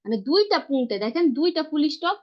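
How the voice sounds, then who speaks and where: A woman's voice: sits high, animated, quick pace. A woman teaching a language class over a video call, patiently repeating and spelling out each letter. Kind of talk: online class instruction. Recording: dull lo-fi video call audio.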